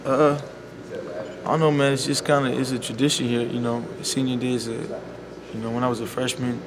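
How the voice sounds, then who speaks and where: A young man, a college basketball player speaking softly and sincerely in a media scrum, leaning on "you know.". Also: medium pitch, flat delivery, fairly quick. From Bahamas. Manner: soft-spoken and heartfelt, full of "you know". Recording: loud background noise.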